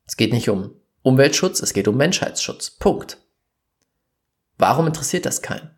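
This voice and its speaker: Guy ranting earnestly into his cam, slows way down to make a point then gets worked up. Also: mid-range voice, big pitch swings, darkish tone. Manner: earnest and emphatic, pausing for weight, bursts of exasperation. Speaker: vlogger. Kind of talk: impassioned monologue to camera.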